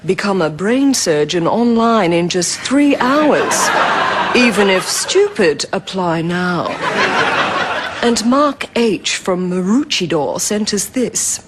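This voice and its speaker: A woman parodying a TV presenter with a measured newsreader delivery. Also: medium pitch, expressive. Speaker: mock current-affairs presenter. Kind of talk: parody of a TV news magazine host. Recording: heavy background noise.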